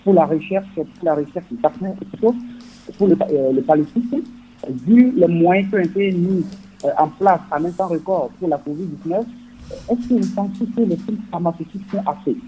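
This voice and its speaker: A man's voice: high-pitched, normal speed, dark tone. A man calling in to a radio show over the phone, asking his questions hesitantly with many fillers and restarts. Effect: radio show caller heard over a phone line. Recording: muffled phone line with faint noise.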